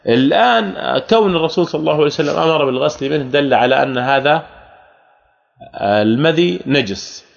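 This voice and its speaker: A man's voice: a little high, lively intonation, brisk, vocal fry. A man with a Jordanian Arabic accent giving a religious lesson, repeating key phrases and asking the class rhetorical questions. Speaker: religious teacher. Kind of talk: Islamic jurisprudence lesson. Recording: archival hall recording, dull lo-fi sound.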